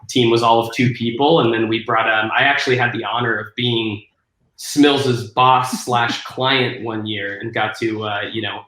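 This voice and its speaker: An easygoing man guest in casual chat who laughs along with the others. His voice is bright and forceful, mid-pitched for a man. It comes through with a noticeable roomy echo. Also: steady tone, normal speed. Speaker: guest, event marketing staff.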